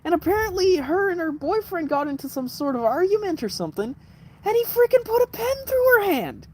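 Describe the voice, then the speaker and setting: A very high-voiced man in his twenties, a bit mellow and brisk with big pitch swings, hosts a casual livestream. He rambles through stories, swearing and restarting with many fillers. He sits in a room lit by a kerosene lamp at night, and there's slight hiss or hum.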